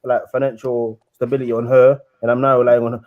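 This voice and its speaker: A man's voice: medium pitch, level tone, quick pace, phone-quality sound. A young man with a London roadman accent chatting casually in street slang, often tagging his sentences with innit. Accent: London, urban roadman slang. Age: young adult. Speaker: panellist on a live discussion show. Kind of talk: casual chat.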